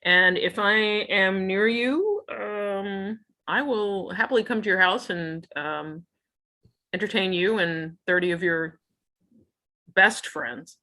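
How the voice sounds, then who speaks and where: A woman's voice: mid-range voice, slow, pushed and bright. A middle-aged woman musician chatting as a guest in an interview, talkative and laughing often between phrases. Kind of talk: casual interview chat.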